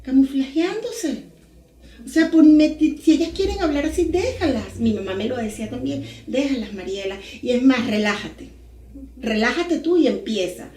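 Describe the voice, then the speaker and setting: A Venezuelan woman in her forties, a podcast guest telling her story in a lively, animated way with little sound words. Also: high-pitched, normal speed, echoey room. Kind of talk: casual podcast interview.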